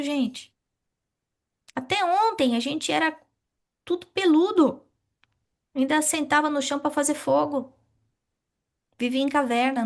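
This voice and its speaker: A middle-aged woman whose voice sits high teaches a spiritist study class. She brings a lively touch by asking questions and then answering them herself.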